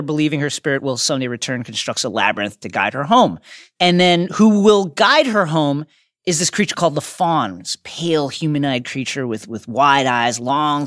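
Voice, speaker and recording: With a higher, fairly bright voice in clean, echo-free studio sound, a man co-hosts a podcast about films. He explains them enthusiastically, working partly from prepared notes that include quotes.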